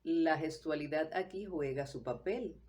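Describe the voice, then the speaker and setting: Lady teaching voice stuff, low voice, really slow and careful. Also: darkish tone. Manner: measured, deliberate delivery with brief acted examples. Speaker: voice workshop teacher. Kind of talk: scripted instructional talk.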